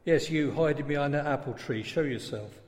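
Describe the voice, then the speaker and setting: A man reading the lines of a brisk, stern middle-aged mother, heard with long reverb. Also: mid-range voice, darkish tone, close to an everyday voice. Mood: commanding. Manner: brisk, commanding.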